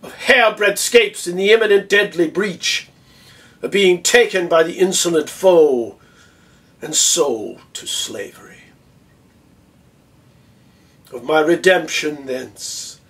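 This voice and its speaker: A man playing a proud, dignified general in a theatrical Shakespeare monologue, speaking in a measured, stately way with long pauses and hushed phrase endings. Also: a little high, distant mic. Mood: proud, recounting. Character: Othello, proud dignified male general defending his love.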